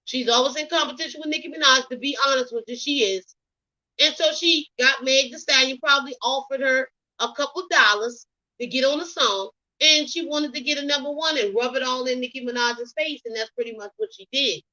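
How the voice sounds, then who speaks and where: Fairly quick and high-pitched, with a pushed, bright tone, this Southern US woman with a Geechee accent rambles opinionatedly about celebrity gossip. Her casual vlog commentary is packed with fillers like um and you know. The high frequencies are cut off.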